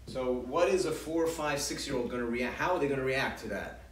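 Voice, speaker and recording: A man's voice: medium pitch, expressive, fairly quick, slight background noise. A man giving an informal parenting class to a group, talking conversationally, acting out what parents and children say and often restarting his sentences. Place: congregation hall. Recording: roomy hall, distant mic, faint ambience.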